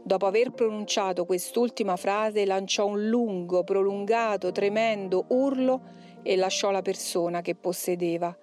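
A woman narrating a first-person account in a measured, solemn reading voice. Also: mid-range voice, fairly even intonation, darkish tone, faint music behind.

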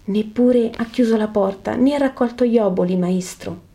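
A woman's voice: mid-range voice, moderate pace, warm tone, lightly acted. A woman reading the lines of an eager male shepherd, speaking with urgency in a scripted religious narrative. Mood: eager, urgent.

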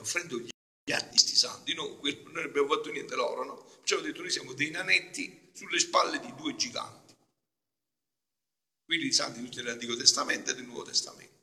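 A man, a friar, preaching a homily in a casual, emphatic way, often checking in with his listeners with a quick question. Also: medium pitch. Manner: emphatic, keeps asking the congregation "no?"; swells loud on key phrases, then drops to quiet asides. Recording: long church reverb.

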